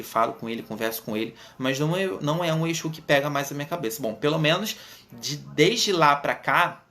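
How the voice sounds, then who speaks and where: A man's voice: mid-range voice, a bit bright. A man in his thirties with a Brazilian Portuguese accent, an Umbanda medium earnestly telling his own story on a livestream. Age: 30s. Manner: earnest, unhurried, frequent tag questions.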